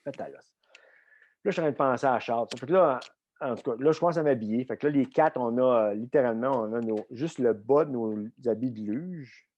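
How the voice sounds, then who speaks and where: A middle-aged man with a Québécois French accent, telling a lively anecdote in a podcast interview, full of fillers and swearing. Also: medium pitch, fairly quick, no echo, highs cut off. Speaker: guest coach and former Olympian. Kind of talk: casual storytelling in a podcast interview.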